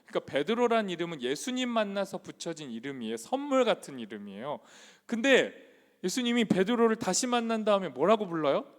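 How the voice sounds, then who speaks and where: A man's voice: sits high, big pitch swings, brisk. A man preaching as a youth pastor in a church, conversational and asking the congregation many questions, with a long hall reverb. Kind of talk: sermon. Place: church sanctuary.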